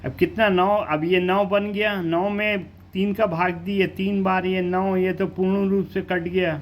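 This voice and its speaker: A man's voice: sits high, flat delivery, measured pace, a little hiss or hum. A male teacher from India explaining a math lesson step by step, often asking rhetorical questions.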